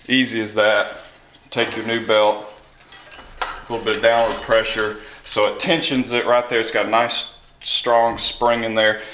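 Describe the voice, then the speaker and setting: A man's voice: on the low side, fairly bright tone, a little hiss or hum. A man giving a casual, hands-on tutorial in a workshop, explaining things in an informal way. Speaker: knife sharpening tutorial host. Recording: echoey workshop room.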